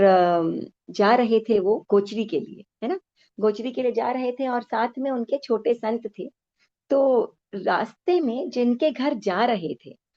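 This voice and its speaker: A woman with a fairly high voice gives a calm spiritual lesson. She keeps asking her listeners short tag questions and mixes English phrases into her explanation. The recording sounds dull and lo-fi. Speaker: spiritual teacher. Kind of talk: explanatory spiritual talk with a story.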